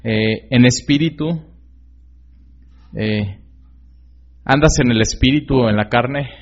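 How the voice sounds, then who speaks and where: Taking his time, a man with a medium-pitched voice preaches in an earnest, conversational manner, repeatedly addressing questions straight to the listener. Fillers and tag questions run through his speech, and the lo-fi audio is slightly dull.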